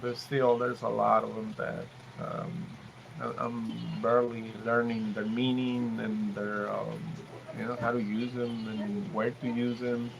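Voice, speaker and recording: Noticeable background noise runs under this casual live stream, where the host, a native Spanish speaker from Mexico, talks in a flat, mid-range, gravelly voice. He keeps pausing and restarting, so his speech comes out halting.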